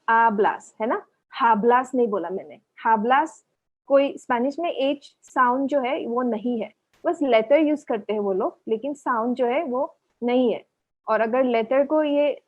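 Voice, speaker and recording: A woman teaching a language class, explaining slowly and patiently and repeating words for practice. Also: a little high, a little mellow. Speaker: Spanish teacher. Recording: dull lo-fi sound.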